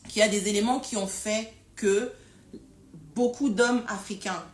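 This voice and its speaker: A woman's voice: medium pitch, fairly even intonation, measured pace. A woman hosting a casual live stream, talking with frequent hesitations, repeated words and fillers. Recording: roomy echo with faint noise.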